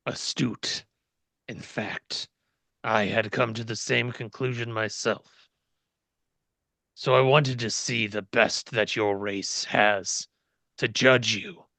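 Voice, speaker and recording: A man's voice: on the low side, steady tone, pushed and bright, no echo, full character voice. A man as game master narrating in character, voicing a proud, bitter, centuries-old fallen fantasy king with haughty, menacing delivery. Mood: grave, resigned. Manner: haughty, menacing, slow declamation.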